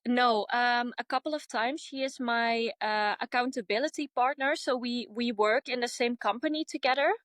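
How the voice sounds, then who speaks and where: A woman's voice: on the high side, moderate pace, few pauses, fairly bright tone, no echo. A woman in her thirties from the Netherlands, a guest chatting casually with lots of fillers. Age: 30s. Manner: chatty, many fillers like um and yeah. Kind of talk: casual interview chat.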